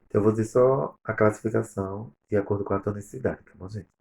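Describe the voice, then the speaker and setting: A man's voice: lowish voice, steady tone, quick pace, creaky, darkish tone. A male teacher with a Brazilian Portuguese accent, going over exercise answers step by step in a recorded lesson review. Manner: explains step by step, reading answers aloud.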